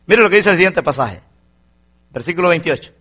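A high, bright-voiced man preaching to his congregation. He swings his pitch widely and hammers his points home as he calls out to his listeners as brothers. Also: expressive, brisk, slightly rough. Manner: fervent preaching, keeps addressing the congregation as brother. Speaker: pastor. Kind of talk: sermon. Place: church congregation.

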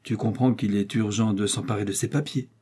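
A man reading an old novel aloud, voicing a brooding, jealous nobleman swinging between hushed calm and rage. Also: lowish voice, brisk, slightly rough. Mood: tense. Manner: tense, alternately hushed and enraged.

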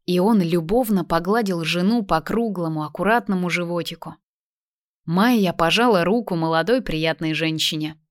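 A woman narrating a novel in a calm, even storytelling manner. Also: on the low side, moderate pace, dry recording, studio quality. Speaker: audiobook narrator. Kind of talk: scripted narration.

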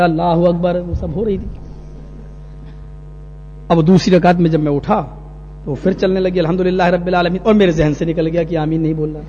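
A male preacher telling an anecdote in a sermon, animated and acting out the people in it. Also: sits high, big-room sound, a little hiss or hum. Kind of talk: sermon storytelling.

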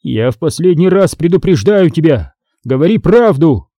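A man's voice: high-pitched, lively intonation, moderate pace, dark tone, no room sound, clean studio sound, pitched above the performer's own voice. A man voicing a stern, furious father in an audiobook, scolding harshly. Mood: angry.

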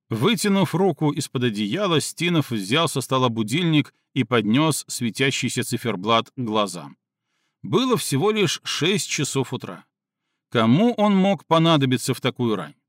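A man narrates an audiobook in an even, measured reading at medium pitch. It's scripted narration, recorded in studio quality with no room sound.

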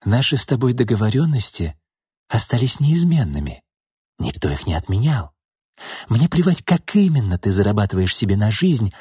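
A smug, mocking thug from an audiobook, voiced by a male reader, sneering and then dropping to low, husky threats. The voice is close and dry. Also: dark tone, no room sound. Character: menacing smug middle-aged pimp and thug.

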